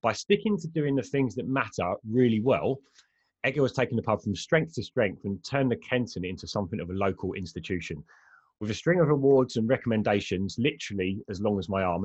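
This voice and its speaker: A man hosting a podcast interview, chatty and quick to laugh, often restarting his questions. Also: on the low side, darkish tone, husky, lo-fi sound. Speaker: podcast host. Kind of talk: casual interview.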